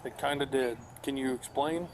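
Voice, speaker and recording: A man's voice: medium pitch, fairly even intonation, moderate pace, background noise. A male police officer questioning people outside a house in a matter-of-fact way, recorded on his body camera. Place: outdoors at a house. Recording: busy body cam audio.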